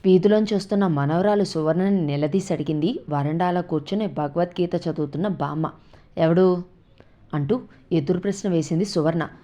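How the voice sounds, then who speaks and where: A woman storyteller narrating a story in a calm, friendly way. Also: fairly low pitch, a little fast.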